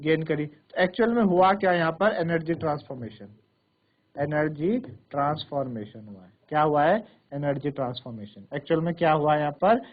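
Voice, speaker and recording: A male science teacher, lecturing pupils in a studio classroom, asking them questions again and again and dictating definitions slowly, word by word. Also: on the high side. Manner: repetitive, quizzing questions to pupils. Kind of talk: classroom lecture in Hindi with English terms. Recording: thin phone-like sound.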